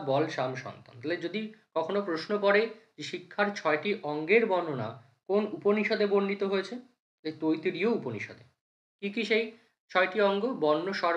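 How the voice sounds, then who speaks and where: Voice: medium pitch, fairly bright tone, dull audio. A teacher leads an exam-prep lecture. The delivery is a rhythmic recitation of terms, with short rhetorical questions answered straight away. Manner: rhythmic listing, asks and answers own questions.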